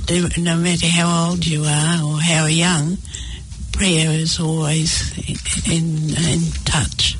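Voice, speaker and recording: Older lady radio guest, really slow n halting, faint noise behind her. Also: low voice, little pitch movement, low-quality recording. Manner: hesitant, halting. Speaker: guest speaker, social worker. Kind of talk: reflective radio interview talk. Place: radio studio.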